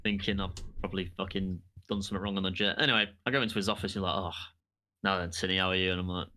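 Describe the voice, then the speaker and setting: A young man tells a rambling, sweary story, acting out each voice he quotes. His voice is bright and forceful while he sits on the low side of the usual male range. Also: flat delivery, rapid-fire, soft background music. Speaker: podcast co-host. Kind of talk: casual storytelling chat.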